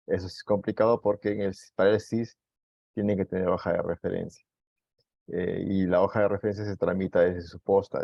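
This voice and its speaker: A man with a Peruvian accent answers questions about care like a doctor, patient and full of fillers. His voice is very low and gravelly. The sound is dull and dry, like a lo-fi online call. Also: no room sound. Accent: Peruvian Spanish. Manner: explanatory, patient, filler-heavy. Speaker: pulmonologist. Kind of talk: medical Q&A talk.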